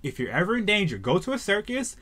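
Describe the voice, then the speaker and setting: Brief: man, anime reviewer, lively slangy storytelling, voice a bit high and bouncing all over. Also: fast talker.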